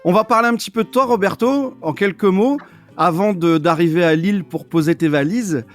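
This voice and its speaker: Casual higher-voiced male radio host. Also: fairly quick, soft background music. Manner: casual, familiar, joking. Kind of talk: radio interview.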